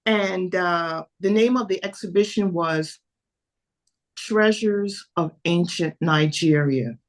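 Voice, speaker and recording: A woman in her seventies, a guest telling a lively story in an interview and acting out the dialogue. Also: lowish voice, takes it slowly. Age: 70s. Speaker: podcast guest.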